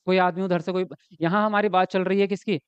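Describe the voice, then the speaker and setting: A man's voice: sits high, steady tone, fairly quick, clean tone, dry recording, muffled recording. A man teaching an online exam-prep class, explaining step by step, asking questions and answering them himself, and reading out viewer comments. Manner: reads viewer comments aloud and talks to them. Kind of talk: live online class lecture.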